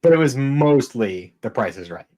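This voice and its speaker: A man's voice: medium pitch, lively intonation, normal speed, mellow. A man co-hosting a podcast in casual chat, rambling with lots of fillers and swearing. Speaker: podcast co-host.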